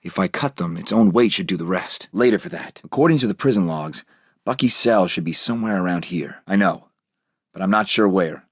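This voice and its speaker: Husky, resolute American super soldier. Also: male voice, low voice, animated, brisk, no room sound, studio quality. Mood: focused, determined. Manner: resolute, terse, earnest. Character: heroic, determined American male super soldier in wartime. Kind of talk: video game voice lines.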